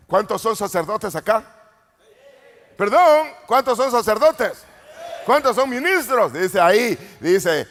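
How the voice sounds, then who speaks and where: A man preaching a Pentecostal sermon as an apostle, swinging from low murmurs to sudden shouts and calling out questions to the congregation. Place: church retreat hall. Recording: long hall reverb.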